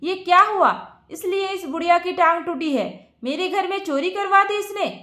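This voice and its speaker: A woman voicing an angry, sharp-tongued young wife who shouts accusations. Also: very high-pitched, normal speed, roomy sound, pitched above the performer's own voice.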